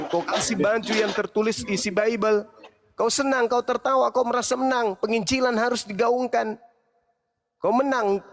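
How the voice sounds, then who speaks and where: A man, an Islamic preacher delivering a heated, mocking monologue of repeated rebukes. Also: high-pitched. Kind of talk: angry scolding monologue. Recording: long hall reverb.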